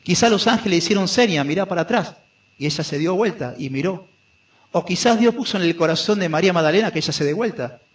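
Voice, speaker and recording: A man preaching an expository sermon, who asks the congregation questions and answers them himself, and who drops to a soft, slow voice when he quotes scripture. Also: high voice, lively intonation. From Argentina. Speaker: pastor.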